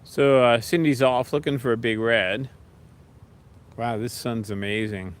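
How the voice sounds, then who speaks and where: A man's voice: medium pitch, a little slow, clear, resonant tone. Rambling man chatting casually on a livestream. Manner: relaxed, rambling, talks to pets and viewers.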